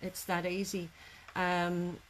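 A middle-aged woman speaks slowly in a low, completely flat voice while leading a live craft class in an indoor studio workroom. Her talk is casual and somewhat rambling, and the room's background noise is clearly noticeable.

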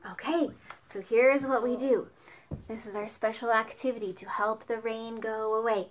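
A young woman leading a children's song lesson at home with a slow, sing-song, cheerful teacher voice. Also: a little high, steady tone, a little hiss or hum. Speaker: children's music leader. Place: home dining room.

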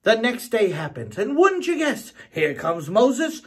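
A middle-aged man, an actor, telling a joke to camera from his home studio in an animated, theatrical way. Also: extremely high pitch, a little slow, husky.

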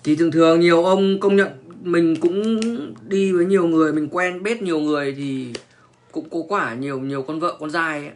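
Brief: young man, crude casual storyteller, lots of cursing and stammered repeats, voice a bit high. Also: steady tone, a little fast, slight background noise. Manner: profane, repetitive stammering restarts, slangy. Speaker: online personality telling stories.

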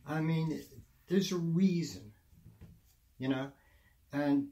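An older man, a veteran of the music industry, giving animated, folksy motivational advice in an interview. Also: on the high side, slow.

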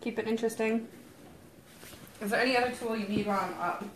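A woman's voice: a little high, steady tone, fast talker, a little hiss or hum. A young woman chatting casually with her viewers on a livestream, giggly and talkative. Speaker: vlogger.

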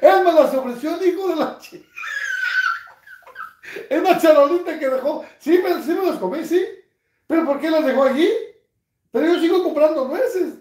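A man, hosting a casual livestream from his couch, reading comments with crude, mocking humor and bursts of loud laughter. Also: very high voice, moderate pace, long pauses, reverberant. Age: 60s. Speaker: livestream host. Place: living room, seated on a couch at home.

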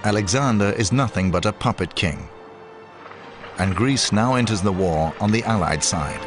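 Deep-voiced male documentary narrator. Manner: measured, even storytelling. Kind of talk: scripted narration. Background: music.

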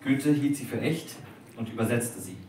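A man giving a measured, expressive dramatic literary reading aloud at a live dinner event in a restaurant. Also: medium pitch. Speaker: reader. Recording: echoey room from a distance, faint noise.

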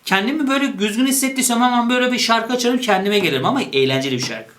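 A man's voice: very high voice, lively intonation, a bit bright, slight background noise. A young man chatting casually as a YouTuber, reading quiz options aloud and joking about each one. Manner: playful, quick to laugh. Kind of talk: casual chat while taking an online quiz.

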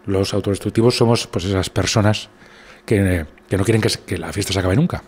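Spanish male guest, husky and low, rambling storyteller in casual chat. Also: steady tone, brisk, a little mellow. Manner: rambling anecdotes with many restarts. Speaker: guest comedian. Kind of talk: casual conversation.

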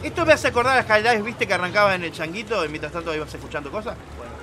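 A man's voice: sits high, lively intonation, rapid-fire. A man with a Rioplatense Argentine accent giving slangy, joking, casual livestream commentary on a video game. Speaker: game streamer. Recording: noisy game audio behind voice. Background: video game sound.

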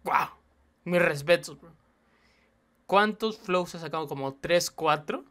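A young man hosting a reaction video, chatting casually and excitedly, slipping English slang into his commentary. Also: on the high side, slow.

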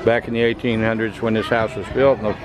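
Speaking quickly in a low-ish, level tone, an older man from the United States narrates his walk through a tropical garden for his travel vlog, pointing things out as he goes. Crowd noise and outdoor sound reach his handheld camera mic.

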